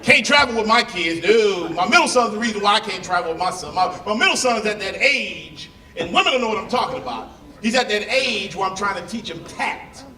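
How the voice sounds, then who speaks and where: A man in his forties doing a stand-up comedy set, loud and punchy, throwing "right?" at the crowd in a live venue. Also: high-pitched, animated, brisk, background noise. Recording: echoey venue, mic from a distance, audience.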